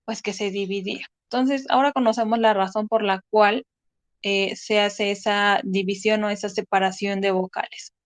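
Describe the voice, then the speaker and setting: A woman teacher with a Mexican Spanish accent gives an online class lecture, explaining patiently and pausing with frequent "eh" fillers. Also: mid-range voice, fairly even intonation, no echo.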